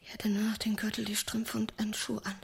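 In a German audio drama, an actress plays a traumatized, bitter woman confiding in an old friend, sounding numb and shaken. Her mid-range voice is monotone, breathy, and halting, often slipping toward a whisper.

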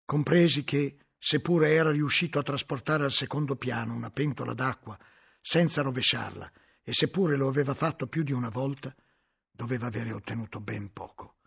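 A man narrating a novel as an audiobook, in a measured, dramatic storytelling manner with a gravelly, husky voice. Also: mid-range voice, fairly bright tone.

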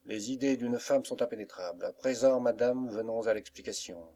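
A man's voice: medium pitch, normal speed, warm tone, lightly acted. A man reading the part of a stern, scheming middle-aged nobleman in an audiobook, speaking coldly and with disdain. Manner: cold, disdainful.

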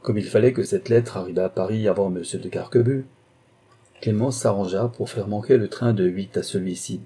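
A male audiobook narrator reading a classic novel in a measured, steady way. His voice is low and very dark, with a husky texture.

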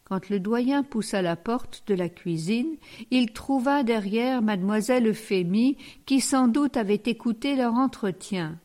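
Slow-paced woman reading a novel. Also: fairly high pitch, expressive, a little mellow. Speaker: audiobook narrator. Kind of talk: reading a classic novel aloud.

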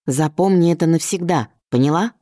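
A woman doing a gruff, scornful father. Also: low voice, a little fast, mellow, no room sound, studio quality, close to an everyday voice. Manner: gruff, grumbling and sarcastic. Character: irritable middle-aged father, curt and mocking.

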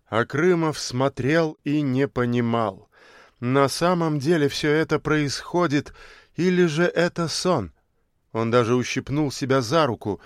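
A man narrating an audiobook in a steady, measured storytelling manner. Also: fairly high pitch, no room sound, studio quality.

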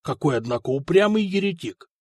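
A man voicing a cruel, imperious bearded prefect who speaks in a booming, commanding voice. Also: expressive, fairly quick, a little mellow, no room sound, clean studio sound. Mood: furious.

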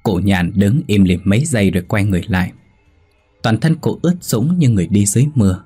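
A man narrating a horror story in a measured, suspenseful way. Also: fairly low pitch, animated, husky. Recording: soft background music.

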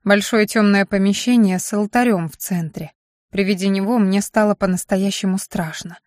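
A woman narrates a first-person fantasy audiobook, telling the story expressively. Her voice sits at a middle pitch for a woman. The recording is dry and close, with no room sound. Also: steady tone, normal speed, darkish tone, no room sound.

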